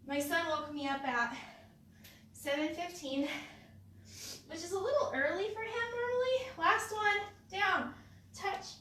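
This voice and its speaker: A woman's voice: sits high, a bit bright, distant mic, a little hiss or hum. A woman leading a live home workout, upbeat as she cues the moves and counts reps. She sounds sniffly with a runny nose. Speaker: fitness instructor. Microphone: camera mic from a distance. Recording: echoey room, voice away from the mic.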